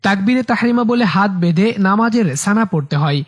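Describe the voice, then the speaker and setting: A man teaching prayers as a religious teacher, reciting phrases slowly with long drawn-out syllables for the listener to repeat, and explaining briskly in between. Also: sits high, lively intonation. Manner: slow drawn-out chanting of phrases for repetition.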